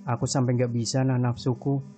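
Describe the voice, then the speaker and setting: A man's voice: mid-range voice, level tone, fast talker, warm tone, soft background music, lightly acted. A man voicing a chatty young woman roommate who teases, in a read horror story. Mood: confiding. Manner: teasing, chatty. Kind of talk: storytelling character voice.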